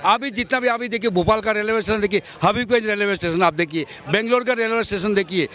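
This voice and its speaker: A man's voice: high-pitched, fast talker, bright, forceful tone. Argumentative man in his fifties from Assam. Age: 50s. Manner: argumentative, insistent, lecturing. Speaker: passerby interviewed on the street. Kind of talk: street interview.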